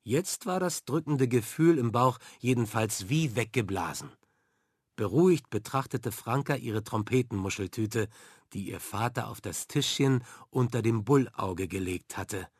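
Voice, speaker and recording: Brief: a male audiobook narrator for a children's story, expressive and measured, with plenty of melodic movement. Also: medium pitch, husky, dry recording, clean studio sound.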